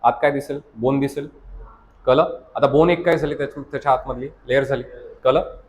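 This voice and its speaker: A man's voice: medium pitch, fairly even intonation. Man teaching class, keeps asking "got it?". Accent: Marathi. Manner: constantly checks understanding with quick questions to the class; mixes English terms into Marathi teaching. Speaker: science teacher at a coaching academy. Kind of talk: classroom lecture.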